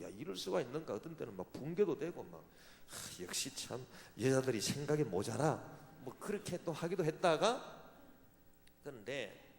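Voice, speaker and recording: A man's voice: mid-range voice, creaky. A male senior pastor from Gyeongsang Province with a Gyeongsang accent, preaching a sermon in a church sanctuary. He asks rhetorical questions and mimics other people's voices. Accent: Gyeongsang Korean. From Gyeongsang Province, Korea. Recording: long reverb of a large hall.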